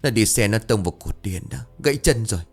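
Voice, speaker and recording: A worried middle-aged father questions his hurt son in a low, plain voice, as a male storyteller does him. He speaks briskly, close to the narrator's own tone, in a spoken ghost story. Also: expressive, slightly rough, soft background music.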